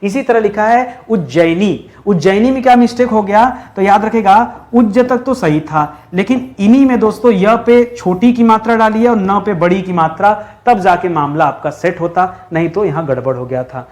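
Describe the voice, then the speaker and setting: High-voiced man teaching a chatty lesson. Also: darkish tone. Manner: drills with repeated questions and answers; brisk and chatty, teasing students. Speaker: Hindi teacher. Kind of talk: online exam-prep lesson.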